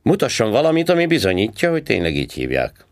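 A man voicing a loud, sharp-tongued traffic cop who barks sarcastic questions in a high-pitched voice. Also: wildly swooping pitch, dry recording, studio quality. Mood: barking.

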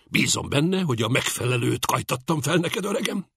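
A man's voice: medium pitch, expressive, vocal fry, fairly bright tone, husky, no echo, voice pushed up, heavily acted. A man voicing a short, stocky composer who is stern and indignant, in an audiobook reading.

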